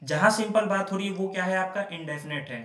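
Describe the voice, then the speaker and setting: A man's voice: high voice, quick pace, bright, forceful tone. A male grammar teacher lecturing in Hindi, asking and answering his own questions and repeating example sentences. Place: classroom with whiteboard. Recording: echoey room.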